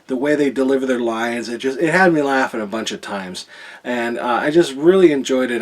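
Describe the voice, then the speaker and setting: A man chatting through a casual video review at an ordinary, middle pitch. He sounds upbeat and keen, with plenty of restarts and repeated phrases. His talk wanders loosely from point to point. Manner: rambling, full of fillers and restarts; enthusiastic, keeps repeating himself. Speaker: horror movie reviewer.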